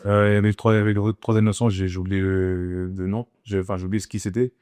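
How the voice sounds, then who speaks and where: Casting note: man, low voice, rapid casual football banter, animated. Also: smooth. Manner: animated, talks over others.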